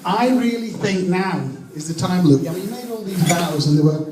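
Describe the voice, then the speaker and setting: A man giving a jokey, informal best man's wedding toast, speaking haltingly with many false starts. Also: high-pitched. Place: echoey room at a wedding gathering. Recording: distant mic in echoey room, audience noise. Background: crowd of guests reacting and laughing.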